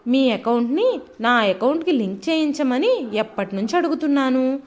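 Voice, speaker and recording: A scolding young daughter-in-law in an audio storybook, sharp and sarcastic, as a woman narrator puts her on. The voice sits high and leaps around in pitch.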